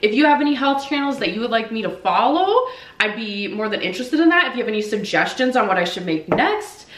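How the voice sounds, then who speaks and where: A young woman talks casually on her cooking vlog, filling her speech with ums and likes. Her voice sits a little high and comes from some way off the mic. The kitchen is echoey, with a faint hum of room noise behind her. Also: sing-song, quick pace, distant mic. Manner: chatty, hesitant, many ums and likes. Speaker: cooking vlogger. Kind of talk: casual chat. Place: home kitchen.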